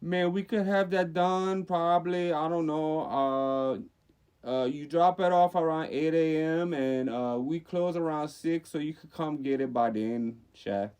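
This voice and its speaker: A man's voice: a little high, a little slow, darkish tone, clear, resonant tone, pitched above the performer's own voice, lightly acted. A man voicing a laid-back male auto shop mechanic who drawls out opening hours with lots of fillers. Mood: easygoing.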